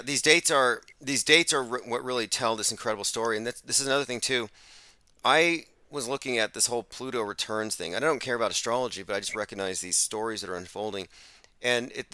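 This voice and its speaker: A man's voice: mid-range voice, sharp tone, no room sound. A man hosting a casual conversation, explaining his ideas in an earnest way. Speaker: host.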